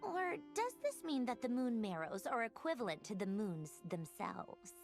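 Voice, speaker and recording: An exasperated lively scientist. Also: female voice, fairly high pitch, normal speed, soft background music. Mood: musing. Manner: curt, exasperated, sarcastic. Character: irritable brilliant female scientist, impatient and sharp. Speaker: game character. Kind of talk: video game voice acting.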